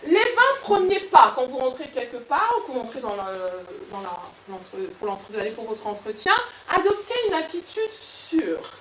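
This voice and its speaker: High-voiced woman coach, echoey room. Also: normal speed, hardly any pauses, slight background noise. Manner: lively, animated, with many restarts. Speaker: personal development coach. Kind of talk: motivational workshop talk. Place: event room with an audience. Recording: echoey room, far from mic.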